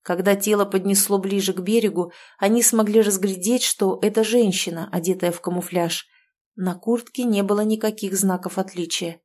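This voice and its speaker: Woman reading a story aloud, steady and measured. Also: medium pitch. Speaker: audiobook narrator. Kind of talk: scripted narration.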